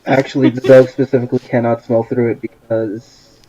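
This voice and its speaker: A man's voice: medium pitch, level tone, a little fast. Casting note: a male tabletop player, matter-of-fact, muffled recording with crowd chatter behind. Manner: matter-of-fact about the rules. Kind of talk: casual tabletop game chat. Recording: muffled lo-fi audio with crowd noise.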